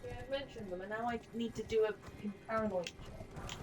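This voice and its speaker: A woman's voice: a little high, brisk, noisy background. A woman chatting casually and rambling on a live game stream, with many fillers and offhand swearing. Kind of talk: casual chat.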